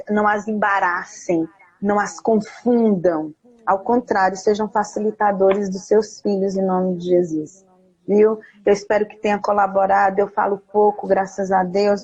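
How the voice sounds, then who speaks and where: Husky, slightly high woman, earnest live-call guest, muffled lo-fi stream audio. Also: steady tone, a little mellow. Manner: earnest, encouraging, quotes scripture slowly. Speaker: invited guest speaker. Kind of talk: casual live chat with teaching tips. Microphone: phone or laptop on a live video call.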